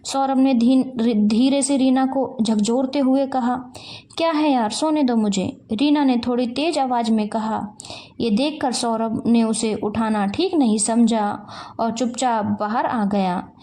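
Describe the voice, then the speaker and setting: Mellow-voiced woman storyteller. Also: on the high side, a little slow. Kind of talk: scripted story narration.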